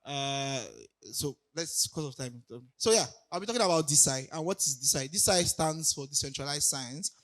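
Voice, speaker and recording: Still recovering from illness, a young Nigerian man gives a casual talk in a conference hall, his voice raspy, a bit bright, and a little higher than most men's. He moves at a moderate pace but hesitates a lot, with many ums and restarts, and laughs lightly.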